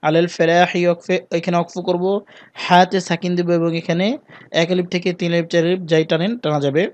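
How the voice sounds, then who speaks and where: Male recitation teacher, slightly high voice, flat delivery, dry close sound. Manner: slow, drawn-out chanting of recited phrases between plain explanations. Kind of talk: spelling out and reciting the call to prayer.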